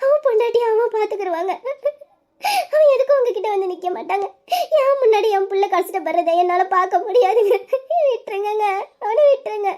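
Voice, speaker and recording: A woman's voice: very high voice, a little fast, a little mellow. A woman voicing a middle-aged mother who pleads in tears and speaks deferentially to her husband. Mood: pleading, tearful. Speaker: wife and mother Lakshmi. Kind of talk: audio drama acting.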